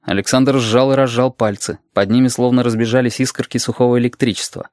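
An audiobook narrator reading a story in a calm, even storytelling manner. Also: mid-range voice, fairly quick, no room sound, clean studio sound.

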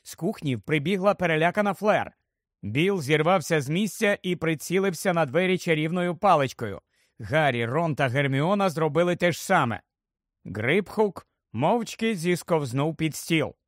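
A man reading an audiobook aloud in an expressive, steady storytelling manner. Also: a little high, moderate pace, no echo, clean studio sound. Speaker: audiobook narrator.

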